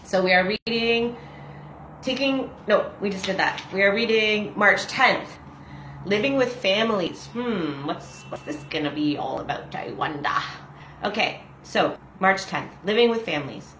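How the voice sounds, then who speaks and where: A woman's voice: medium pitch, expressive, measured pace, fairly bright tone, a little hiss or hum. Chatty woman in her forties, echoey room. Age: 40s. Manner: chatty and self-disclosing, with laughs and frequent fillers. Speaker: host reading a daily meditation book. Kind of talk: casual reading with personal reflection.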